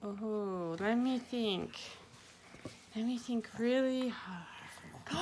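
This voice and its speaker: A woman's voice: fairly high pitch, lively intonation, extremely slow, slight background noise. A woman telling a playful improvised story to a child, laughing often as she goes.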